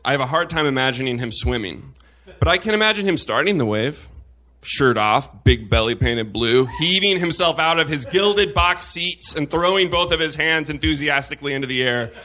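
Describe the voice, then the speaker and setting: Bright-voiced man reading a wry essay. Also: fairly high pitch, moderate pace. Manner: wry, self-mocking humor. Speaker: op-ed reader at a live show. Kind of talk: reading a personal essay on stage.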